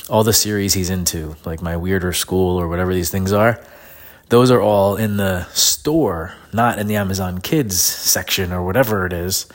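A middle-aged man with a grating voice from a head cold and sore throat, casually ranting in an informal, frustrated way as a solo podcast host. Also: low-pitched. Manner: informal, frustrated complaining with swearing. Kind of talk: casual solo rant, diary-like.

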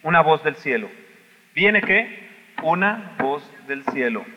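A man preaching a sermon as pastor, swinging between loud cries and soft asides. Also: on the high side, big pitch swings, slow pace, in a large hall, dull audio. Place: church sanctuary.

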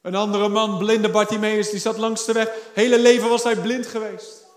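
Male pastor, high voice, fervent sermon delivery with loud peaks and hushed lows, roomy church echo. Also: level tone, moderate pace. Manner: passionate preaching, rising to shouts and dropping low. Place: church service.

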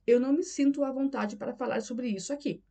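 A woman narrator voices a conflicted young wife, defensive and pleading in her denials. The voice is fairly high, mellow and warm. It is an audiobook character read by the narrator herself. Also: quick pace, breathy edge.

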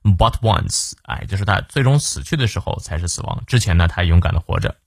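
A man hosts a morning English lesson. His voice sits low but moves up and down a lot as he explains. The sound is dry and close. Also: expressive, vocal fry, no room sound. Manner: slow, careful pronunciation of English phrases; chatty, explaining with fillers. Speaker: English teacher and host.

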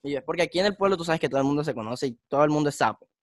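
A young man, telling a street story on a casual podcast in slangy, animated talk. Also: fairly high pitch, rapid-fire, no echo, studio quality. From Colombia. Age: young adult. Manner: slangy, animated, acts out voices in his stories. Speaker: podcast host.

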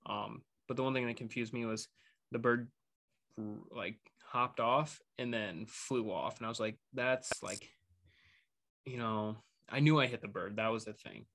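A man's voice: mid-range voice, steady tone, unhurried, a bit bright. A man co-hosting a podcast, telling a hunting story in a loose, rambling way with lots of fillers and restarts. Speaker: podcast co-host recounting his hunt. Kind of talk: casual storytelling.

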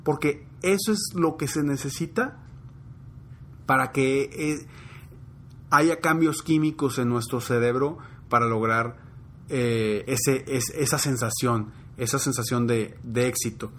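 A man's voice: mid-range voice, a little slow, slight background noise. A man with a Mexican accent giving a conversational motivational talk, telling personal anecdotes and speaking straight to the listener.

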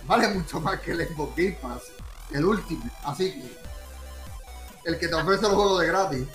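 A man's voice: fairly high pitch, expressive, normal speed, a bit bright. A man with a Puerto Rican accent in a casual podcast debate, argumentative and insistent, often repeating himself. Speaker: podcast panelist. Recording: roomy echo, music behind.

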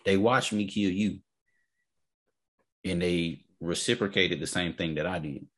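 Real deep voiced guy, casual debate, emphatic, repeats his points. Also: unhurried, a bit bright. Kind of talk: opinionated casual discussion.

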